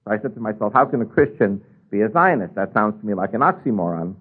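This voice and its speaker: Through phone-quality sound, an older man from the United States with an American accent, whose native language is Spanish, preaches a sermon about his own life, often saying um and uh. His lowish, slightly rough voice is expressive and fast.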